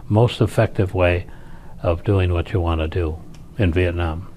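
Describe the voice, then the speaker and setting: An older man with a very low, deep voice explains things in an interview. He talks in a measured, cautious way, qualifying his claims and correcting himself mid-sentence. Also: steady tone, darkish tone, a little hiss or hum. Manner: measured and hedging, with many self-corrections. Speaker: interview guest, doctor and inventor.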